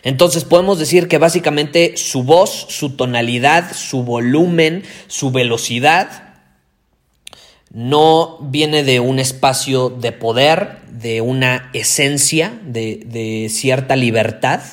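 Man, Mexican accent, podcast host, loud and intense, emphatic repetition, mid-pitched voice. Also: takes it slowly. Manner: emphatic, repeats key phrases. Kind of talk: motivational podcast monologue.

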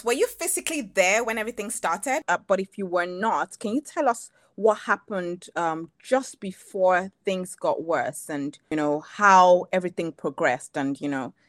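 A woman hosting a podcast interview, talking in an animated way, repeating words and exclaiming often. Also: on the low side, no room sound. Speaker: podcast host.

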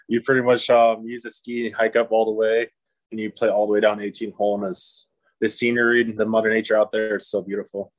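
A man raised in Japan, talking as a podcast guest in an easygoing, upbeat way with many pauses. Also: fairly low pitch, flat delivery, no room sound, poor audio. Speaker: podcast guest, disc golf player. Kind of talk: casual interview chat.

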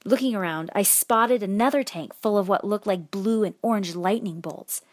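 A woman podcast host reading a personal story aloud in a measured, expressive storytelling way. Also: mid-range voice, no room sound, clean studio sound.

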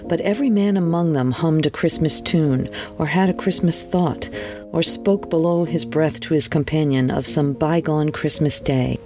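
A podcast host reading a classic holiday story aloud, measured and expressive with wry asides. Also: mid-range voice. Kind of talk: storybook narration.

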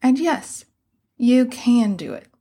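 A woman's voice: fairly high pitch, animated, takes it slowly, warm tone, husky. A woman hosting a scripted solo advice podcast in an upbeat, tidy vlogger manner, with playful, casual phrasing. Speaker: podcast host and mentor for virtual assistants.

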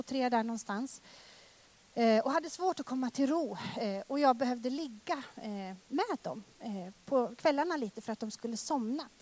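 A woman in her thirties preaching a personal testimony sermon, emotional and dramatic, swinging from loud exclamations to hushed words. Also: sits high.

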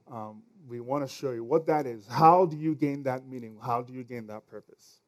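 A pastor with a Nigerian accent preaches a sermon in a conversational way, now and then stumbling over his words. His voice is medium-pitched with a dark tone.

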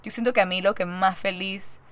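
A woman's voice: medium pitch, brisk. Chatty woman telling a story. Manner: chatty and animated, acts out quoted lines. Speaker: podcast host. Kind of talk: casual storytelling monologue.

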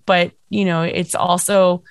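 A young woman with a hoarse, scratchy, nasal voice, hosting a casual fan chat podcast with lots of fillers. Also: lowish voice, measured pace, no echo. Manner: chatty, filler-heavy, excitable. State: hoarse, lost voice. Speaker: podcast host.

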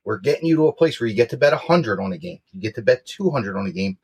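Husky, animated man pitching bets, brash. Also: fast talker. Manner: brash, slangy, swearing bro talk. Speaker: sports betting show co-host.

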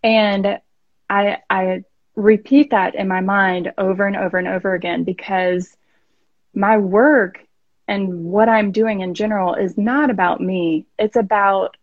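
A woman in her thirties, a podcast guest, talking slowly and reflectively, often repeating herself in casual chat. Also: medium pitch, fairly even intonation, no echo, highs cut off.

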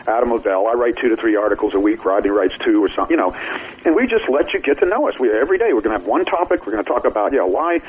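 A man's voice: mid-range voice, a little hiss or hum, low-quality recording. A man speaking as a financial expert in a casual radio interview, blunt, emphatic and colloquial. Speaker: financial author and newsletter publisher, interview guest.

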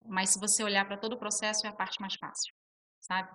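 A woman's voice: medium pitch, little pitch movement, fairly quick, bright, forceful tone. A woman with a Brazilian Portuguese accent, a musical theatre actress telling her story expressively in an interview.

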